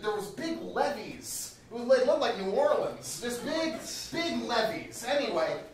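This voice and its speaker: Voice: medium pitch, sing-song. An improv performer telling a made-up story on stage, playful and laughing, stretching out words. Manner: playful, laughing, drawn-out delivery. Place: comedy club stage. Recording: echoey club from far off, crowd.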